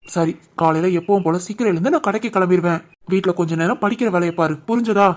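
A man voicing an affectionate, easygoing young husband who talks calmly and coaxingly, with a Tirunelveli Tamil accent. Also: sits high, quick pace, natural voice.

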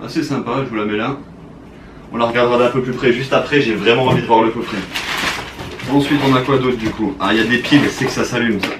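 A young man with a French accent talks his viewers through an unboxing, chatty and easily excited. His pitch sits mid-range. A faint hiss of background noise lies under the voice. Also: fast. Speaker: YouTuber. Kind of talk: casual unboxing commentary.

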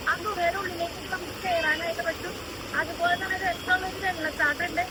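Over clear ambient and vehicle noise, a very high-pitched woman presents a casual vlog on location. She speaks fast and chattily, showing viewers around. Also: level tone. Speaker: travel vlogger.

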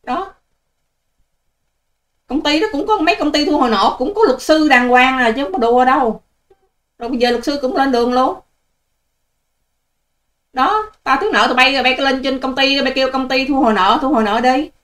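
An older woman rants straight to her viewers, scolding and sarcastic. Her voice sits a little high, and she fires off her words at a rapid clip. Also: fairly bright tone. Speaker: online channel host. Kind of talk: ranting vlog monologue to viewers.

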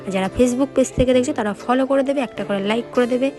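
A woman's voice: on the high side, rapid-fire. A young woman, narrating a vlog voice-over in a chatty way. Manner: chatty, talks viewers through the day. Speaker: vlogger. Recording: voice-over with music behind.

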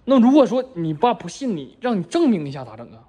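A woman's voice: medium pitch, big pitch swings, quick pace, warm tone, husky. A woman playing a cheeky, eager, stammering young friend posing as a boyfriend in a comedy skit. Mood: cheeky, coaxing. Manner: bumbling, stammering, giggly.

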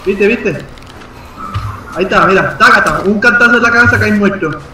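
A man's voice: sits high, moderate pace, bright, forceful tone, recorded from a distance. A man playing an online game, exclaiming often and coaching his teammates on what to do. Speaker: gamer. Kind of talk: excited multiplayer gameplay chat. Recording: roomy, off-mic, noisy game audio.

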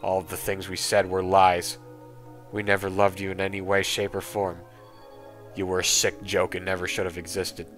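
A cruel, resentful middle-aged mother speaks with cold scorn, voiced by a man with a deep voice. She comes from a horror story, with faint music underneath. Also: monotone, normal speed, a bit bright. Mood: scornful.

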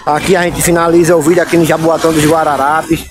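A man's voice: on the high side, little pitch movement, quick pace. A man with a Pernambuco accent hosting his own vlog outdoors by a canal in town, chatting casually and constantly addressing his viewers. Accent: Pernambuco, northeastern Brazilian. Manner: chatty, keeps calling viewers "my people" and "gang". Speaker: vlogger and channel host. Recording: street noise with music behind.

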